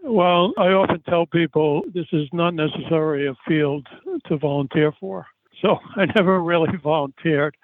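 An older man speaks as an expert interview guest, telling anecdotes and circling back as he explains. His voice sits a little high for a man. The audio is dry and somewhat dull. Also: normal speed, no echo. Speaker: psychiatrist and author, interview guest. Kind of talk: conversational interview answers with anecdotes.

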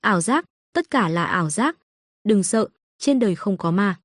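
A woman's voice: medium pitch, lively intonation, moderate pace, no echo, clean studio sound, lightly acted. Woman voicing a cowardly middle-aged swindler. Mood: pleading. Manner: panicky, pleading, sobbing.

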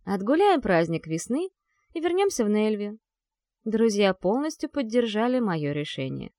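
A woman reading a fantasy novel aloud as an audiobook narrator, voicing the characters' lines with shifts in pitch. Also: very animated, moderate pace, dark tone, dry recording.

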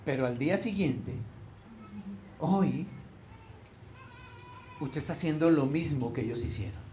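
High-voiced pastor preaching emphatically. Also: male voice, lively intonation, a little slow, slight background noise. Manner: swings between hushed low asides and loud emphatic peaks; addresses listeners directly with rhetorical questions. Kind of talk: sermon.

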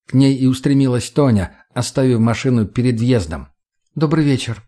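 A man narrating an audiobook in a steady storytelling voice. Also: medium pitch, a little fast. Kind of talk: scripted narration.

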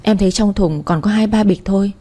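Tough outspoken young woman who doesn't back down, woman voicing her, husky voice. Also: mid-range voice, a little fast, lightly acted. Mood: firm caring. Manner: sharp, scolding.

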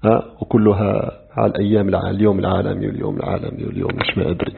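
A middle-aged man teaching a lecture on religious creed, animated, asking rhetorical questions and answering them himself. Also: on the low side, racing, creaky, slight background noise. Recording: tinny phone-like lo-fi recording.

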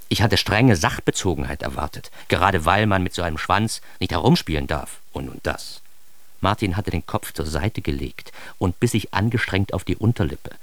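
In this radio drama, an actor plays a grown son looking back on his embarrassing teenage years, and his delivery is ironic, mock-formal, and theatrically indignant. His male voice sits low and sounds natural, with no room sound.

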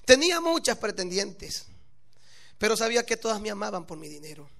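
A male pastor voicing a calm rich young husband in a sermon story, speaking softly, slowly and reassuringly. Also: sits high, gravelly, exaggerated voice. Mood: tender. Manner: soft, slow, reassuring.

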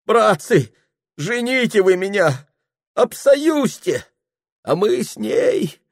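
A giddy, drunken young clerk shrieks and babbles in a voice pitched far above normal. The lines swoop wildly and come out dry and close. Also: male voice, creaky, dry recording, exaggerated voice. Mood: drunken excited. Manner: shrill, babbling, exclaiming.

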